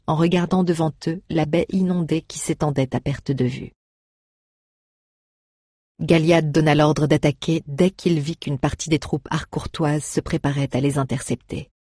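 Low, husky woman storyteller. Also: warm tone, no room sound, studio quality. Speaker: audiobook narrator. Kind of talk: scripted storybook narration.

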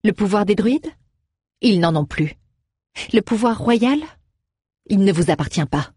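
A woman's voice: mid-range voice, animated, unhurried, warm tone, husky, no echo, studio quality, voice pushed up. A woman voicing a poised, commanding young woman who speaks with cutting sarcasm in an audiobook. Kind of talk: audiobook character voice.

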